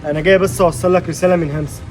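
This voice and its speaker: A man acting out a brave young Egyptian man who vows to protect a frightened girl. He speaks earnestly and at great speed, in a fairly high voice. Faint music plays beneath him. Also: fairly even intonation, darkish tone, lightly acted. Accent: Egyptian Arabic. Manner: quick, earnest, reassuring. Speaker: actor in a web drama. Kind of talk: amateur web drama acting.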